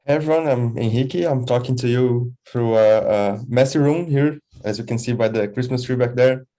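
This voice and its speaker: A man introducing himself on a video call, relaxed and loud. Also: medium pitch, moderate pace. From Brazil.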